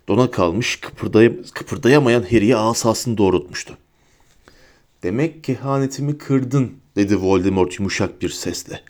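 Dark, mellow male audiobook narrator. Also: on the low side. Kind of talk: audiobook reading.

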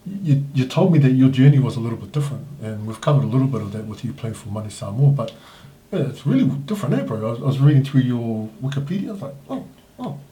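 A man's voice: mid-range voice, lively intonation, quick pace, mellow, rough recording. A man with a New Zealand accent, interviewing casually in a colloquial, matey way, often tagging his lines with eh or right. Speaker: interviewer, host.

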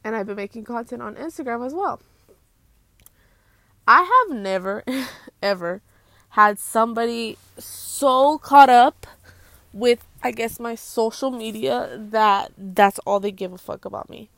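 A woman's voice: a little high, measured pace, fairly bright tone, no echo. A young woman vlogging and venting, swearing freely and mimicking people with blah blah. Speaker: YouTuber. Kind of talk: casual storytime rant to camera.

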